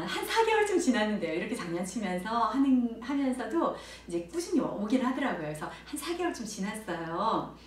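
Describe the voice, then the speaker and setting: Animated woman explaining parenting, echoey room. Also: mid-range voice. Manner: animated, acts out lively exclamations to children. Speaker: center director giving parenting advice. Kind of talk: parenting talk to camera. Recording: echoey room, voice a bit far from mic, faint background noise.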